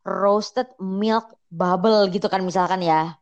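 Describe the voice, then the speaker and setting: A woman's voice: medium pitch, steady tone, slow pace, dull audio. A young woman chatting on a casual podcast, teasing her friends and drawing out the phrases she quotes. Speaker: podcast co-host.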